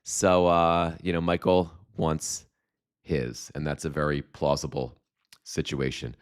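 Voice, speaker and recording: This livestream host has a very low, smooth and resonant voice that a slight cold is wearing down. Speaking a little slowly in a level tone, he reads viewer comments aloud in a rambling way, restarting often and using plenty of fillers.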